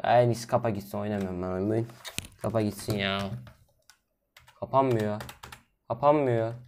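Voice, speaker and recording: A man doing solo gameplay commentary, chatting to viewers, drifting from low mumbling into sudden loud exasperated outbursts and curses. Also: steady tone, normal speed, a little hiss or hum. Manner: cursing, exasperated asides to viewers. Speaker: gaming video host.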